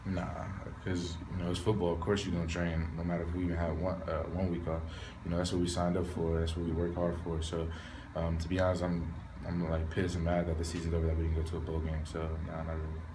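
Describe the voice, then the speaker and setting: A young man, a college football player, answering postgame questions in a low-key, candid way from a stadium hallway. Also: completely flat delivery, fast talker, hardly any pauses, noisy background. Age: young adult. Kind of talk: postgame press interview. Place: hallway of a stadium in front of a sponsor backdrop. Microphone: reporters' recorders held close.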